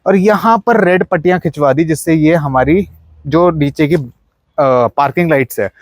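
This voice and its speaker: A man's voice: a little high, normal speed, no echo. A young man with an Indian accent giving a casual, chatty walkaround of his modified car, pointing things out as he goes. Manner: chatty, mixes Hindi and English, points things out.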